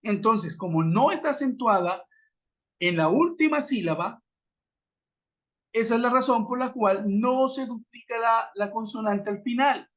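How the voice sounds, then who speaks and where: A man's voice: very high voice, lively intonation, measured pace, fairly bright tone. A man teaching an English grammar lesson in a webinar, patiently repeating and spelling out examples. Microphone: computer mic on a web call. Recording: dull lo-fi web conference audio.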